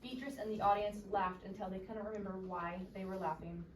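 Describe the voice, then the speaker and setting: The storyteller is a woman with a mid-range voice, reading fairly quickly to children in an interactive, expressive way. She asks questions like a teacher, and the distant recording captures an echoey, noisy space.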